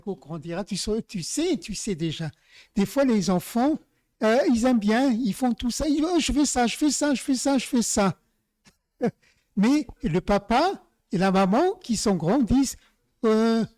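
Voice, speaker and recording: A man from Madagascar preaching an informal sermon in a chatty storytelling style, speaking straight to his listeners and slowing down for the key phrases. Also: sits high, a little mellow, no room sound. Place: church service.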